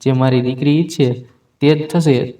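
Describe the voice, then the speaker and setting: A man reading a calm, caring mother. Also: mid-range voice, moderate pace, close to an everyday voice. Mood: soothing. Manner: soothing and gentle.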